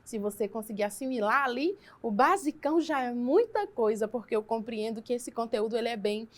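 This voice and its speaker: A woman's voice: on the high side, lively intonation, brisk. A woman teacher with a Brazilian Portuguese accent giving a recorded lesson, explaining step by step and often checking in with her listeners.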